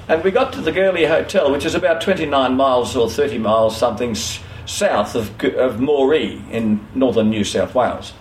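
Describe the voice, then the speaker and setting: A man's voice: mid-range voice, a little fast, hardly any pauses. An older Australian man telling a long anecdote for an oral history interview, rambling with many "you know"s and self-corrections. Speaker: interviewee, former trucking company owner. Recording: roomy echo, faint ambient noise.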